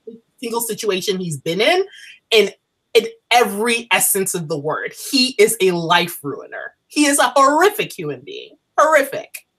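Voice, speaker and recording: A woman in a casual review chat, her voice bright and forward. She talks effusively, stacking words for emphasis and looping back with "you know" and "right". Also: medium pitch, very animated, normal speed. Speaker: co-host reviewing a TV episode.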